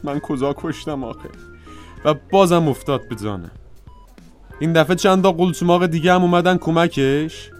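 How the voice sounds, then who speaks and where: A man's voice: fairly high pitch, close to an everyday voice. An actor playing a hapless, bandaged wounded soldier who moans and complains as he tells his misfortunes. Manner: moaning, complaining comic storytelling.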